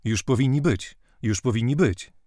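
A man playing a frantic young Roman nobleman, hoarse and raging. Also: mid-range voice, moderate pace, mellow, no echo, studio quality, lightly acted. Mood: impatient.

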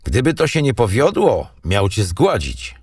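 Man reading earnest viking uncle, explaining a betrayal plan, raised pitch, lively. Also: measured pace, breathy edge, no echo, studio quality, heavily acted. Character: older Norse uncle, earnest plotting conspirator.

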